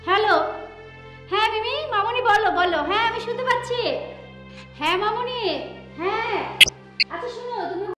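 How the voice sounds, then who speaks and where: A woman plays a proud, sharp-tongued middle-aged mother with a very high voice. The room is echoey, with faint music behind her. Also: moderate pace, pauses often. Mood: impatient. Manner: calls into a bad phone line, then scolds and taunts. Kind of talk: TV drama acting.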